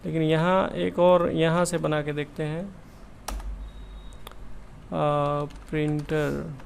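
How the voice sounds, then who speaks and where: Male computer tutor, slightly high voice with gravel and a smooth, resonant tone, talks things through casually as he works. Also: darkish tone. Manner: chatty, thinks aloud, self-correcting. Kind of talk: casual screen-share tutorial.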